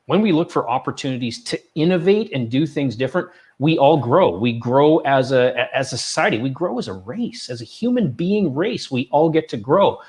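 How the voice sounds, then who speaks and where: A man's voice: mid-range voice, expressive, moderate pace, few pauses, a little mellow. A male co-host of a live business talk show, talking casually and with animation, often repeating words. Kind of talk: casual panel chat.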